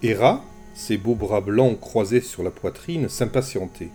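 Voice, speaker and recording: A man narrating a storybook in an expressive, animated way. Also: fairly low pitch, unhurried. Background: faint music.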